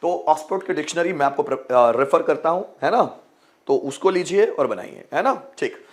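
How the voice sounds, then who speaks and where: A middle-aged man teaching grammar at a board, repeating each rule slowly and answering viewers' questions. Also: fairly high pitch, lively intonation. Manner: repetitive, drills rules slowly. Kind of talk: classroom lesson at a board.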